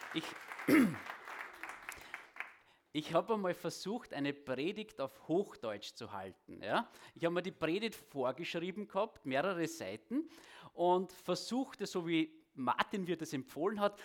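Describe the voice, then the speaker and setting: A male preacher with a slightly high voice gives a sermon and prayer in a church hall. His delivery is halting, he often repeats words, and he makes self-deprecating asides.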